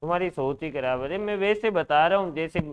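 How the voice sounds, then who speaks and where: High-voiced man teasing his class. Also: fast talker, clear, resonant tone, dull audio. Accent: Rajasthani Hindi. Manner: joking, teasing students, lively classroom banter. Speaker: reasoning teacher. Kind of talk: classroom lecture with students. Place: classroom with students.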